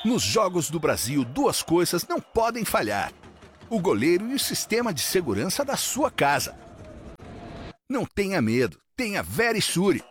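A man reading a radio ad with punchy, lively sales delivery. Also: high voice, normal speed, music in the background. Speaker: ad announcer. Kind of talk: radio ad read.

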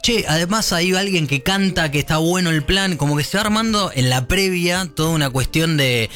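A man's voice: on the high side, normal speed, fairly bright tone. A man with an Argentine accent hosting an evening radio show, chatting loosely with many fillers and restarts. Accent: Argentine Spanish. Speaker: radio host. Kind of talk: casual radio chat.

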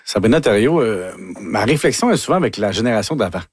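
A man with a Quebec French accent hosting an interview in a studio, asking questions in an animated, chatty way. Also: fairly low pitch, quick pace, breathy edge, no echo. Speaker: radio host. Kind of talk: interviewing a guest.

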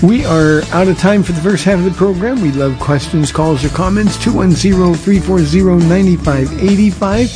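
Radio host announcing a break. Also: male voice, high voice, moderate pace, hardly any pauses, over music.

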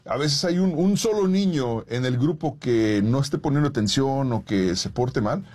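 A man's voice: mid-range voice, moderate pace. A man co-hosting a talk show, chatting casually and animatedly about coaching kids. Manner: animated, acts out talks to kids. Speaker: co-host, former youth coach. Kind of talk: casual discussion.

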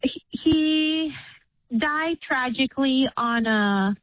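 A woman calling in to a radio show on a phone line that keeps cutting out, talking in a hesitant, halting way with many fillers. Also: high-pitched, no echo. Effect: phone call that keeps cutting out, asked about Bluetooth or speakerphone. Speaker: radio call-in caller. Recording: tinny, dry phone line.

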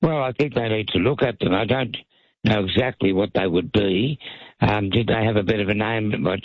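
Australian male radio health expert, husky and hesitant, slightly dull sound. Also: fairly low pitch, normal speed, no echo. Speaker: expert guest on health phone-in, naturopath. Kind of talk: advice on a radio phone-in.

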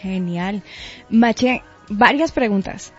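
A woman's voice: medium pitch, slow, faint music behind. A woman hosting a radio show, cheerful and chatty with her guests. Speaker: radio host. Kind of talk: lively radio chat. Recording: dull lo-fi recording.

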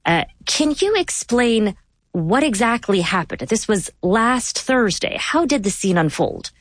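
A woman hosting a news podcast, speaking in a measured, conversational way. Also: medium pitch, very animated, dry recording. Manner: measured, conversational delivery with some fillers. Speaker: podcast host. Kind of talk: radio news presenting.

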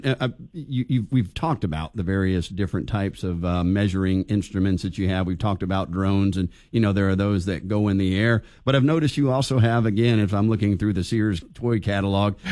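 A man co-hosting a radio talk show, with a smooth radio-host delivery and a folksy way of explaining things for listeners, speaking into a studio microphone. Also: on the low side, darkish tone, dry recording.

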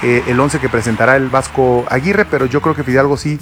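A man's voice: medium pitch, steady tone, brisk, noisy background. A man with a Mexican accent hosting a sports talk show, introducing clips and agreeing with co-hosts.

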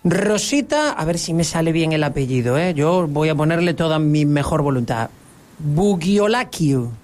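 A man's voice: a little high, very animated, normal speed, darkish tone. A man hosting a radio sports interview with playful, jokey banter.

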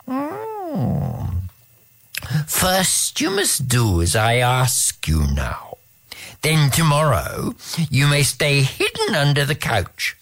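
A reader voicing a clever, calm female cat in a storybook tale, speaking in a sly and composed manner. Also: mid-range voice, extremely slow, heavily acted. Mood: coaxing. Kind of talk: storybook reading.

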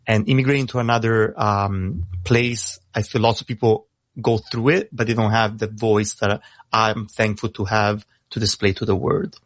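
A young Italian man, a guest who raps, speaks casually on a video call in his native Italian, halting often and filling gaps with fillers. His pitch is fairly low with little movement, and there's no echo.

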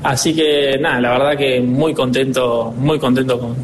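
This Argentine man in his twenties answers interview questions as a dealership director, sounding earnest and upbeat while often pausing on fillers. His voice sits in the mid range with a steady tone, and there's a little hiss or hum.

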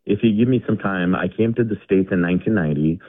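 Low-voiced caller on a tinny phone line. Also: male voice, fast, a little hiss or hum. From India. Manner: rambling, many fillers and restarts. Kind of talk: casual call-in chat. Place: home garage.

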